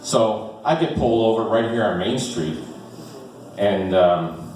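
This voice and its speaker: A stand-up comedian in his fifties performs a rambling, self-deprecating set full of fillers for a small live audience. His lowish, slightly mellow voice is animated but a little slow, recorded from far off in an echoey room with a little hiss or hum.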